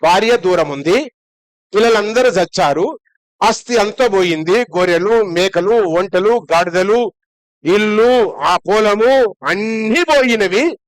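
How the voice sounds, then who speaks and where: A male pastor preaching a Sunday sermon in a lively, conversational way, firing off rhetorical questions. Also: high voice, takes it slowly, clear, resonant tone, no room sound.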